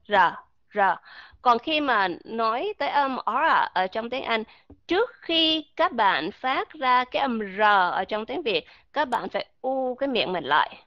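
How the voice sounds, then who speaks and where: A woman's voice: a little high, dry recording. Woman teaching pronunciation over muffled voice chat. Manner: patient, repeats sounds slowly to demonstrate. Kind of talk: live online pronunciation lesson. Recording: dry, muffled online voice chat audio.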